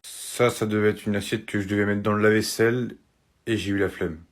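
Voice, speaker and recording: A man's voice: lowish voice, steady tone, fairly quick. A man performing short comedy sketches, switching between bickering characters in a casual, teasing way.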